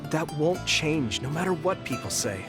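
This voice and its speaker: A man plays an earnest young soldier whose loyalty shows in his sincere, reassuring lines of cutscene dialogue. The voice is natural and on the high side, moving at a moderate pace with lively intonation, and music runs behind the game audio.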